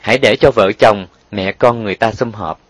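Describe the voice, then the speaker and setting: A man narrating an audiobook in an even, sentimental storytelling way. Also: on the low side, fairly quick, dry recording.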